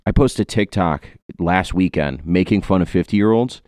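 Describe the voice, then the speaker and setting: A man's voice: deep voice, normal speed, darkish tone, no room sound, clean studio sound. A man in his twenties from Ohio, hosting a podcast in a rambling, joking way with many fillers. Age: 20s. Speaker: podcast host. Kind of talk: casual podcast chat.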